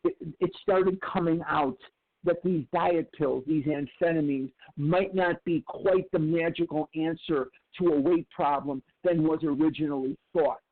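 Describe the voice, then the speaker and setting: A man in his sixties tells his own recovery story in a candid, emphatic way, circling back over phrases. His voice sits a little high for a man. The sound is narrow and tinny, as if heard down a phone line. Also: fairly even intonation, measured pace. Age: 60s. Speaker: recovery speaker. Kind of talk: personal recovery share.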